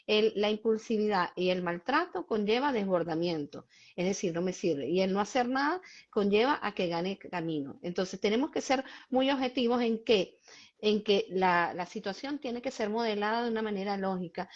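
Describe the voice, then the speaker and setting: A woman's voice: mid-range voice, expressive, moderate pace, dull audio. A woman hosting a live-streamed conversation, explaining child behavior in an emphatic, example-filled way. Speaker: host and child behavior specialist.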